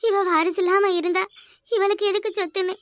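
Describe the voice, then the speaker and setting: A woman's voice: very high voice, fairly even intonation, brisk, no room sound, studio quality. A woman voicing a scheming young wife in a village cartoon, with a whiny, self-pitying way of talking. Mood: sobbing. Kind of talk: Tamil village cartoon voice acting.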